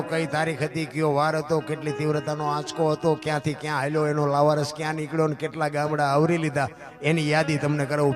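A man performs a live folk dayro, his voice pitched notably high as he preaches and chants in rhythmic runs. He speaks from a stage into a microphone. Clear accompanying music plays behind him throughout. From Gujarat. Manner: preachy, keeps addressing the crowd as "bapu", rises into loud rhythmic chanted recital. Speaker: folk storyteller. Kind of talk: live folk dayro storytelling with moral talk. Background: loud accompanying music.

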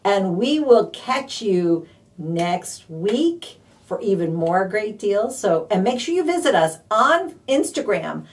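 A woman hosting a live-streamed couponing deals rundown, bubbly and excitable, with lots of fillers. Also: mid-range voice, slow, distant mic. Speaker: couponing show host.

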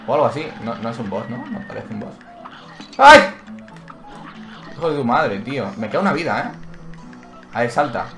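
Excitable man playing a game. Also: mid-range voice, quick pace. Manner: excitable, yelps and cries out when hit; thinks aloud, reads menu text aloud. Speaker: gaming channel host. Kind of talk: Let's Play commentary. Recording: roomy echo with game music behind.

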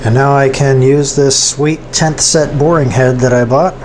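The machining channel host explains each hands-on step casually and folksily from the lathe in his home shop, against a noisy background. He talks at a normal speed with a steady, medium-pitched voice.

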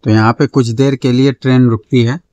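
A man's voice: mid-range voice, steady tone, fairly quick, warm tone, lo-fi sound. A man, chatting casually to viewers in a travel vlog, filmed on a selfie camera at arm's length inside a train compartment. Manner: chatty, talks straight to viewers, many fillers. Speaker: travel vlogger.

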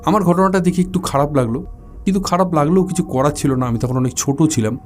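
A man narrating a first-person ghost story in a relaxed, conversational way, slipping in English words, with faint music behind. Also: a little high, fast talker.

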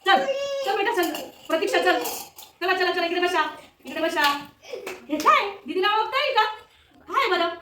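A woman's voice: very high voice, normal speed, pauses often. A woman teaching a preschool class, coaxing the children with repeated questions. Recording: echoey, distant, noisy room.

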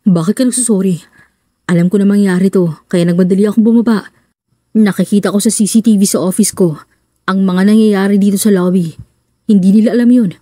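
A woman's voice: medium pitch, fairly even intonation, brisk, dark tone, dry recording, clean studio sound, natural voice. A woman voicing a firm young husband. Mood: gentle. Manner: firm, commanding. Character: protective rich young husband.

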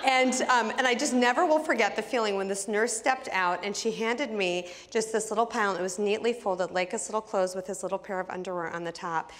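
A woman's voice: mid-range voice, fairly quick, few pauses, fairly bright tone, big-room sound. A woman teaching a Bible study who tells a personal story with animation and acts out the dialogue.

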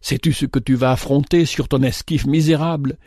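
A man playing a gentle stranger captain who urges others to sail with him, in an imploring manner. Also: medium pitch, steady tone, normal speed, no echo, studio quality, lightly acted. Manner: urgent, imploring. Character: pleading stranger, a gentle male ship captain.

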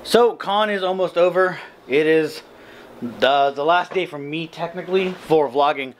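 A man in his thirties records a late-night vlog in a small hotel room, holding the camera close to his face. His voice sits a little high, and he drags through sleepy, rambling sentences full of ums. A faint background hum runs under the recording. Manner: slow, tired, rambling with many fillers. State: very tired. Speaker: vlogger. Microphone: handheld camera close to face.

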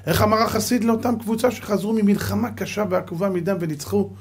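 Man, middle-aged, rabbi, husky, dramatic storytelling lesson. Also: sits high. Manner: dramatic, swings from loud exclamations to quiet asides, acts out quoted people. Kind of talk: animated Torah lesson with storytelling.

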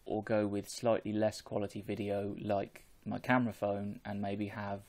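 A man, talking in a measured, explanatory way as a vlogger chatting casually on an earphone microphone at home. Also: lowish voice, flat delivery, darkish tone. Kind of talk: casual chat to camera. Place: small home room with bookshelves.

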